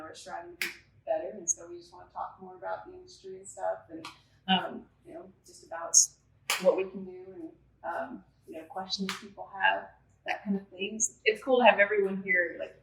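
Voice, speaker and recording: A woman's voice: lowish voice, flat delivery, fairly quick, gravelly. Woman podcast co-host, casual chatty roundtable talk, roomy echo, light background noise. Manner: chatty, many "like" and "you know" fillers. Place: group class in Texas, indoors. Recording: echoey room with faint noise.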